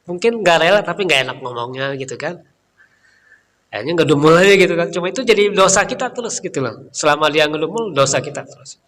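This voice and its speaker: A middle-aged man giving a relaxed, chatty Islamic study talk in a mosque, often tagging his sentences with filler words. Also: a little high, fast. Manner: chatty, leans on filler tags. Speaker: Islamic preacher. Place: mosque hall. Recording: reverberant hall, faint room ambience.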